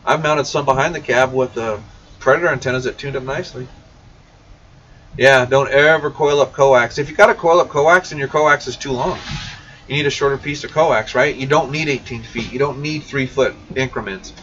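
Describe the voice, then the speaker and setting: A man with a mid-range, fairly bright voice speaks at a normal pace while hosting a laid-back livestream Q&A for a CB radio shop. He reads viewers' questions aloud and answers them directly, in a blunt, informal manner. The audio is muffled and distant, with a little background noise.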